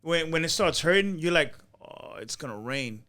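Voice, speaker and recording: A man in his late thirties telling stories casually on a podcast, animated and acting out his own past thoughts. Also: on the high side, normal speed, noisy background. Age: late 30s. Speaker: podcast guest. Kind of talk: casual storytelling chat.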